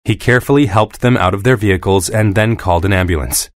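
A man calmly reading short moral stories aloud for English learners. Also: lowish voice, quick pace, dry recording, studio quality. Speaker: story narrator. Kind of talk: scripted narration for English learners.

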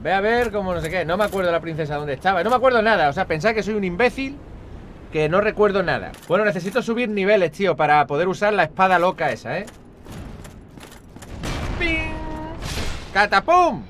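A man's voice: high-pitched, lively intonation, quick pace, a bit bright, a little hiss or hum. A young man with a Spain Spanish accent giving rambling, casual gameplay commentary, swearing often and talking to his viewers. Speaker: gaming channel host. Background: game music.

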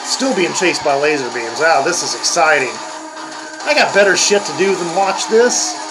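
A man's voice: fairly high pitch, expressive, moderate pace, poor audio. Profane grumbling older man ranting over metal. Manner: crude, profane, mocking grumbling. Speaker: reaction video host. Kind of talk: comedic reaction rant. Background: heavy metal music playing.

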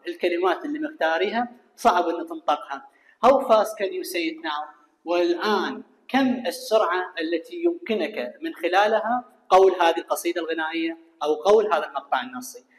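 A man's voice: high-pitched, animated. Male teacher, echoey room. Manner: explains in Arabic, reading English phrases slowly. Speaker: English teacher. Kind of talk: recorded classroom lesson explanation. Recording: long reverberant room echo.

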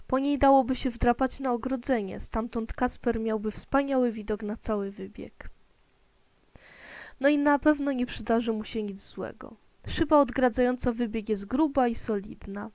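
A woman educator reading a children's story aloud in a calm, expressive storytelling manner. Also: fairly high pitch, no room sound.

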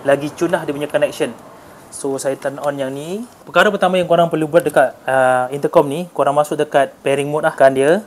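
In a clearly noisy room, a man reviews motorcycle gear with a casual hands-on demo, mixing English technical words into his Malaysian-accented speech. His voice is on the high side, steady in tone, and fairly quick.

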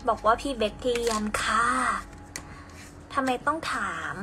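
A woman's voice: on the high side, a little slow, noisy background. A young woman chatting casually on a live stream, reading out viewer comments while packing orders, playful and talkative.

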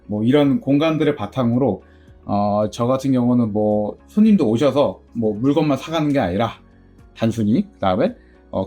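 A middle-aged man who owns a game shop, answering interview questions in a chatty way, full of fillers. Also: breathy edge. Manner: chatty, many fillers, lively pitch. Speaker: game store owner.

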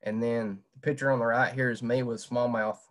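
This young fishing presenter from Southwest Virginia talks casually through a webcam on a video call, plain-spoken and leaning on lots of "uh" fillers. His mid-range voice is flat, and he speaks a little fast.

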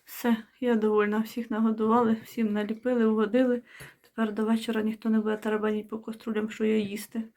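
A Ukrainian woman, a vlogger filming her family cooking, chats casually to the camera in her home kitchen, teasing her family and narrating what she sees. Her voice is fairly high and a little mellow, delivered completely flat and fast.

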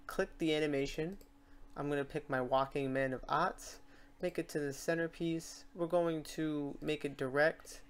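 A software tutorial host speaks at a middling pitch, casual and unscripted. He explains each step as he works, thinking aloud as he goes.

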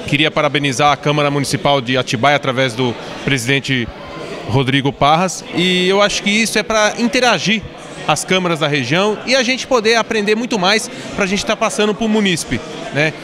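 Male councilor, brisk fast interview answer, chatter behind. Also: fairly high pitch. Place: council chamber. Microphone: handheld mic held by interviewer.

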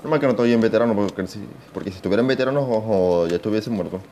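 A young man giving casual gameplay commentary, excitable, swearing often and talking to himself. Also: on the low side, rapid-fire, slight background noise. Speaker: gaming channel host.

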